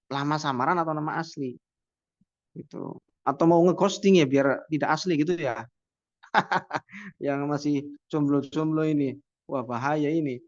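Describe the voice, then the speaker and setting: A man with a slightly high voice gives a university classroom lecture in a conversational tone, raising rhetorical questions and then answering them. The recording has no room sound and a dull, dry, lo-fi quality.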